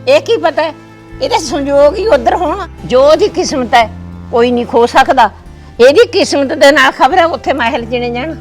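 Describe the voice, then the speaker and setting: A woman's voice: high voice, animated, normal speed, soft background music. A woman playing a bossy old Punjabi grandmother. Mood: firm. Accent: rural Punjabi. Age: older. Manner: bossy, matter-of-fact elder. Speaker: grandmother of the family.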